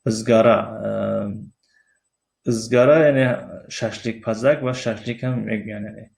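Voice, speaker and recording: A man with a Tajik accent teaching a recorded language lesson, explaining slowly with frequent pauses and fillers and spelling out letters one at a time. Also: on the low side, fairly even intonation, creaky, darkish tone.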